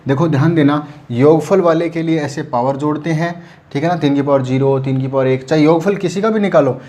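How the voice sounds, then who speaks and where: A brisk, mellow, fairly high-pitched male voice leads a math lesson at the board. He keeps asking and answering his own questions and tells students again and again to pay attention, saying "ध्यान देना".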